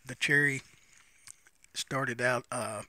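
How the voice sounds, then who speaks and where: A man with a bright, forward voice and a very dry, close sound talks casually through a review. He is folksy and unhurried in his musing, repeating phrases and smoking a pipe as he goes. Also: mid-range voice, fairly even intonation, no room sound. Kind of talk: casual unscripted review chat.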